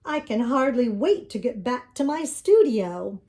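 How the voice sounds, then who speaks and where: A woman's voice: a little high, expressive, measured pace, dark tone. An older woman voicing a kindly, thoughtful young man, an artist in a storybook, with a folksy, musing manner. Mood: inspired. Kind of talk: children's storybook read-aloud.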